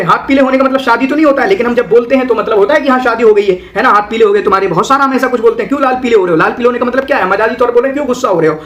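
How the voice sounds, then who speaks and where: In an extremely high, fairly bright voice with reverberation, a man teaches a lesson on Arabic literary terms. He reads out Arabic lines and explains them in an everyday, conversational manner, with "है ना" coming up again and again.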